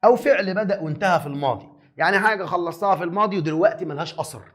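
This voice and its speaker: A man with an Egyptian Arabic accent teaching an English grammar review lesson to exam students, lively and teasing, asking questions and answering them himself. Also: sits high, racing.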